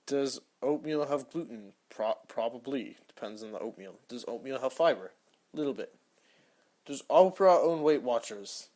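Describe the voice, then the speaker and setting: A man's voice: mid-range voice, expressive, normal speed. Offhand young man rambling through questions. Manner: offhand, rambling, trails off quietly. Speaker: podcast host. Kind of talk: casual solo commentary answering search suggestions.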